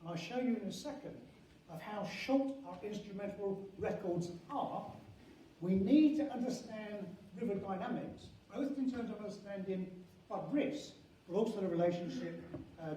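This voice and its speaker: Speaking at an academic conference, this older professor and head of a geography school has a high voice with soft edges. His delivery halts, with restarted phrases and weight placed on important terms. Recorded from far away in a big, very echoey indoor hall, the audio carries strong reverb and a little noise.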